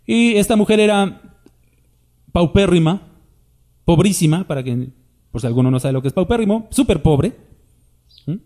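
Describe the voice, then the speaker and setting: A man's voice: high-pitched, expressive, normal speed, pauses often, mellow. A man preaching a sermon in a conversational way, with asides to his congregation.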